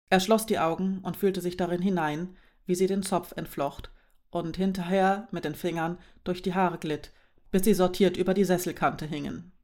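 Woman with a low voice reading a novel. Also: darkish tone. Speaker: audiobook narrator. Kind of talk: scripted narration.

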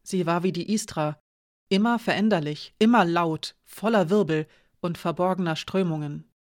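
A narrator reading a novel aloud in a measured, even way. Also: mid-range voice, dry recording, studio quality. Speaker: audiobook narrator. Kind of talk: scripted narration.

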